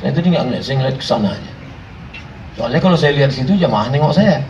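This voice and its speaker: A man's voice: mid-range voice, expressive, fast, darkish tone, dull audio, slight background noise. A man preaching a humorous sermon to a live congregation, telling jokey stories and acting out voices. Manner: jokey storytelling, acts out voices and sings snatches of songs. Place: large hall with congregation. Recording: roomy, distant live recording with crowd. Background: congregation laughing.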